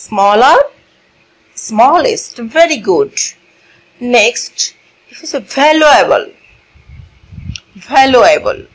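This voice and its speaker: A woman teacher with a Bangladeshi accent speaks in a slightly high voice. She talks at a very slow, deliberate pace, putting questions to the class and answering them herself. She slips English grammar terms into her explanations. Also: sing-song, low-quality recording. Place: classroom at a board.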